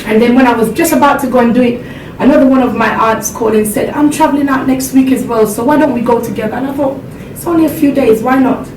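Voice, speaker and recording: Speaking fast with hardly any pauses, this Jamaican motivational speaker addresses a seminar crowd earnestly and laughs along with them. Her fairly high voice sits back from the mic in an echoey hall, with a steady rumble underneath.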